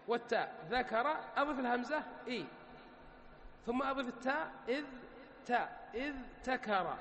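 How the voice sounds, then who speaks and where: A man teaching a grammar lesson, drawing words out slowly and asking questions he then answers himself. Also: very high-pitched, fairly bright tone, echoey room, long reverb tail, slight background noise. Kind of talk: classroom lecture on morphology.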